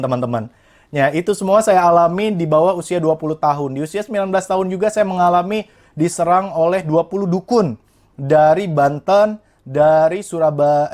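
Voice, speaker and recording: A young man in his twenties from West Java speaks as an interview guest, his voice sitting a little high for a man. He tells his story earnestly and keeps turning to address the listeners in a motivational tone. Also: a little mellow. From Indonesia, West Java. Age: 20s.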